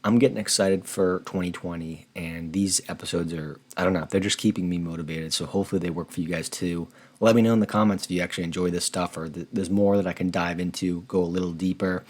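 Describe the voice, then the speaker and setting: Finance host, male, low and husky, earnest casual explainer. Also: steady tone, quick pace, few pauses, darkish tone. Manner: earnest, conversational, repeats words when rephrasing. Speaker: personal finance channel host. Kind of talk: casual explainer walking through a spreadsheet.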